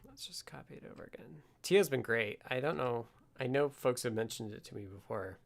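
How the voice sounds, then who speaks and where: Hosting a laid-back programming livestream from his desk indoors, a man with a creaky, gravelly, mid-pitched voice thinks aloud in halting bursts. He's animated, frequently muttering to himself as he codes.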